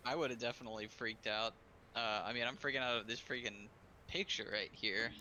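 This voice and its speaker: Male friend, bright forceful voice, excitable, blunt, casual swearing. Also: medium pitch, brisk, slight background noise. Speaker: friend on call. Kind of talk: casual chat.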